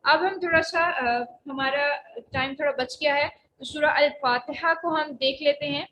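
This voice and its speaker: A woman's voice: sits high, steady tone, unhurried, lo-fi sound, a little hiss or hum. A woman teaching Quran recitation in an online lecture, explaining pronunciation patiently with frequent hesitations. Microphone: voice only, face not shown.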